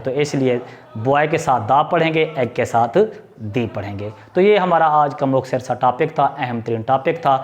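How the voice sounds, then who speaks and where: A man teaching a video grammar lesson, patiently explaining and repeating key points, asking questions and answering them himself. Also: mid-range voice. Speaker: English teacher.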